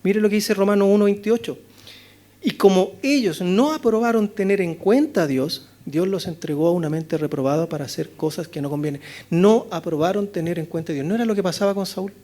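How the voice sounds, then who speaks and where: In a church chapel, a male pastor with a Chilean Spanish accent preaches an expository sermon in a high-sitting voice, a little fast. He poses rhetorical questions, frequently tags on "¿no es cierto?", and swings between loud and hushed.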